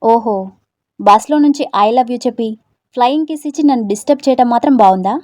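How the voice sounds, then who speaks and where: A woman's voice: a little high, a little fast, a little mellow, no room sound, studio quality, natural voice. A woman voicing a cocky young man, a brash romantic rowdy who teases in a self-assured way in a storybook reading. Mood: teasing, cocky.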